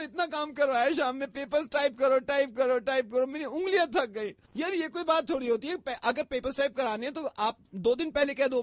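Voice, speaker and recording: A woman's voice: high voice, no echo, close to an everyday voice. A woman on a prank call playing a tearful young woman who whines about her boss and repeats herself. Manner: whiny, sobbing, repeats herself. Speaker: prank caller.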